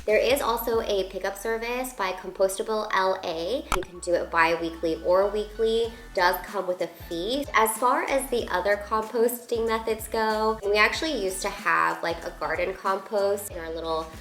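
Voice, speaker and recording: Woman vlogger from Taiwan, casual and chatty, mid-pitched, reverberant room, light music bed. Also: moderate pace, hardly any pauses. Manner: chatty, frequent "like" fillers. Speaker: product review vlogger. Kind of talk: casual product review. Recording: echoey room with faint music.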